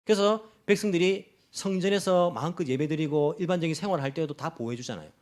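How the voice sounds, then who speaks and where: A middle-aged man, a pastor, preaching a Sunday sermon in a church, acting out mocking voices as he explains. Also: mid-range voice. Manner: animated preaching, acts out mocking voices of opponents. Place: church in Tokyo.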